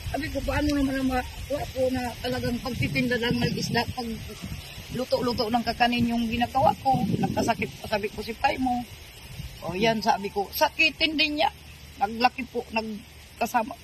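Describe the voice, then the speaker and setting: An older woman telling her life story in a halting, rambling way, full of fillers, politely adding respectful words. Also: a little high, heavy background noise. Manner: polite, adds po and ma'am. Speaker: interviewee. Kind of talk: casual storytelling.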